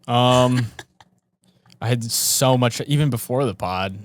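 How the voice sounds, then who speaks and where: A man's voice: mid-range voice, slow, dry recording, studio quality. A man from Minnesota, a guest comedian on a podcast, talking hesitantly with lots of ums and nervous laughs. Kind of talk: casual comedy chat.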